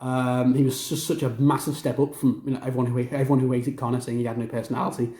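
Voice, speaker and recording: A man's voice: mid-range voice, flat delivery, fast talker, mellow. A man hosting a gaming ranking video, talking enthusiastically and rambling with many fillers and restarts. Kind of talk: casual ranking commentary. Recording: roomy echo.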